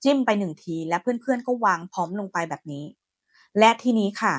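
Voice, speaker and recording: A woman hosting a software tutorial, chatty and friendly, talking her viewers through each step. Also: medium pitch, animated, normal speed, no echo, studio quality. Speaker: AI tutorial host. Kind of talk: screen-recorded software tutorial.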